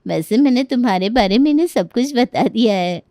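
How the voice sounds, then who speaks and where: A woman's voice: fairly high pitch, lively intonation, a little fast, dark tone, no room sound, clean studio sound. A woman voicing a confident, persuasive middle-aged matchmaker in a cartoon story. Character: pushy middle-aged female matchmaker neighbour.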